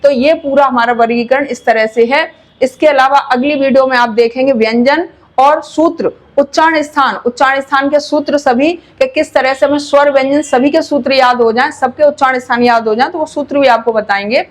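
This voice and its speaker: A woman with a high voice gives a Hindi grammar lesson for exam students. She explains step by step in a patient teacher's manner and stretches out sounds to demonstrate pronunciation. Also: fairly even intonation, brisk. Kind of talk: classroom-style grammar lesson.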